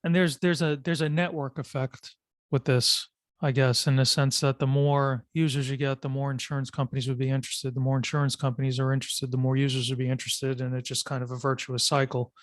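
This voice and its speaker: A man's voice: mid-range voice, level tone, a little fast, no echo, clean studio sound. A man interviewing someone in a conversational style, putting questions and thoughts to a guest.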